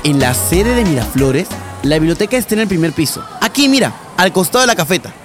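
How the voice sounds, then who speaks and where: A young student guide explains things patiently and slips in sarcastic jokes. His voice moves lively up and down in a radio comedy. Faint music runs beneath. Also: on the high side, brisk. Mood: explaining, teasing.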